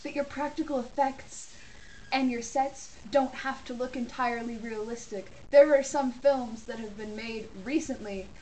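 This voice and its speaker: A woman co-hosting a casual comedic chat, talking in an excitable, emphatic way with quick asides. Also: a little high. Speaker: podcast co-host. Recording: roomy, distant mic, faint noise.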